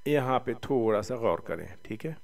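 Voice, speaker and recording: A man teaching Quran reading, spelling out Arabic letters syllable by syllable in a slow, drawn-out way, with quick explanatory asides. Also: mid-range voice, expressive, vocal fry, distant mic. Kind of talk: spelling-out recitation lesson.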